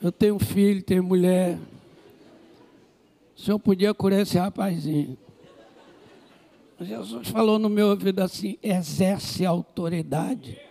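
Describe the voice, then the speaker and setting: Man, pastor, Brazilian Portuguese accent, very high voice, gravelly, animated sermon story. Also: a little slow, pauses often. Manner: animated storytelling with comic asides.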